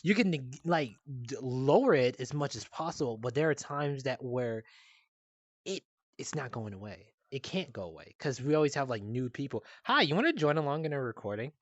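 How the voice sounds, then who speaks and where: A man's voice: medium pitch, expressive, normal speed, darkish tone, dry recording, highs cut off. Young guy hosting a chill chat, rambly w lots of likes and ums, dry close mic. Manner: rambling, filler-heavy, asks questions. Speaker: podcast host. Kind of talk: casual chat.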